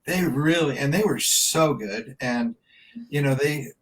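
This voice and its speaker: An unhurried mid-range voice belongs to a man in his seventies, a band member reminiscing in an interview. He spins out a lengthy anecdote in a loose, talkative way, and the audio is poor.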